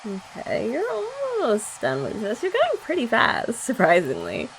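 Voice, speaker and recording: This young ASMR creator's voice sits high and sounds gravelly, swinging widely in pitch at a measured pace. Soft-spoken and playful, she teases as a girlfriend while her hair is dried, the faint noise of a hair dryer behind her.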